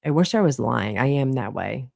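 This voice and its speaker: Boston woman in her thirties hosting a live chat, blunt and foul-mouthed, with a gravelly voice recorded close and dry. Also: a bass voice, expressive, moderate pace, darkish tone, no room sound. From Boston, Massachusetts. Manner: chatty, blunt, swears freely. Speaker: livestream host. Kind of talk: casual late-night live chat.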